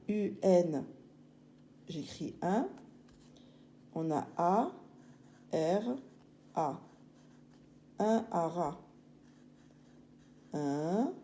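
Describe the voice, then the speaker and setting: A woman's voice: fairly low pitch, mellow, a little hiss or hum. A woman teacher, patiently walking young children through writing a letter step by step. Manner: slow, patient, step-by-step explaining. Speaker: primary school teacher. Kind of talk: handwriting lesson for children.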